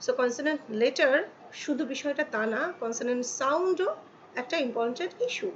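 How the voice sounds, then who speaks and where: Woman, grammar teacher; high voice, reads English examples slowly, keeps checking in with the listener; dull lo-fi recording. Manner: slow, drawn-out reading of English examples. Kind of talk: explaining articles to students in Bengali. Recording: dull lo-fi with faint ambient noise.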